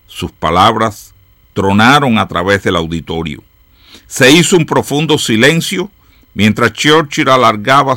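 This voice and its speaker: A man hosting a radio program, reading reflective stories in a slow, measured way with dramatic pauses and falling line endings. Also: mid-range voice, fairly bright tone, no echo, clean studio sound. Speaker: radio host.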